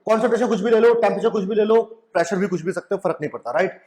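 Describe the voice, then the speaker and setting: A man's voice: sits high, rapid-fire, a little mellow. A young man giving a chemistry lecture to students, repeating his questions back to them and often asking "right?". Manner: mixes in English phrases. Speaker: chemistry teacher. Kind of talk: classroom lecture at a whiteboard.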